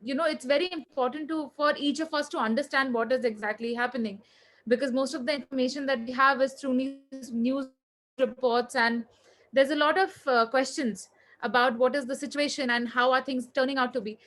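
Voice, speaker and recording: A woman's voice: high-pitched, steady tone, a little fast, fairly bright tone. A woman coordinating a lecture series, giving a polite, hesitant welcome over a video call.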